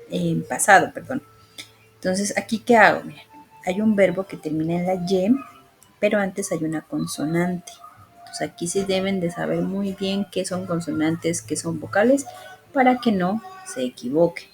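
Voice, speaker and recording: A woman's voice: lowish voice, a little mellow, low-quality recording. A woman teaching English grammar in a patient tone. She walks through the rules step by step and often stops to check that her students are following.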